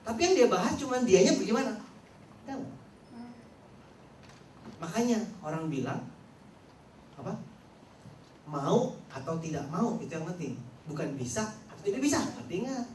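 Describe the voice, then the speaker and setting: A man's voice: sits high, sing-song, normal speed, pauses often, darkish tone, a little hiss or hum. A man giving a motivational seminar talk, quizzing the audience and acting out quotes. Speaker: motivational speaker. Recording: roomy sound from far off, faint ambience.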